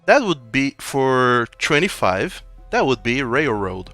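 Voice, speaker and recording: Bright-voiced male game master. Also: mid-range voice, big pitch swings, slow, dry recording, faint music behind. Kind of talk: running a tabletop game.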